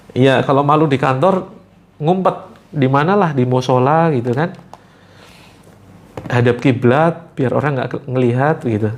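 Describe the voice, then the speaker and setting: A man hosting a live spiritual therapy session, giving gentle instructions with light jokes. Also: mid-range voice.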